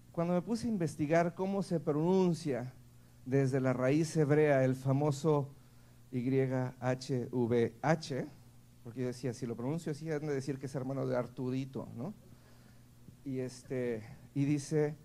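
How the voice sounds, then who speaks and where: Preaching at a church service, this Mexican-accented pastor keeps things conversational, checking in with his congregation again and again, playfully laughing between points. His voice is a little high and mellow.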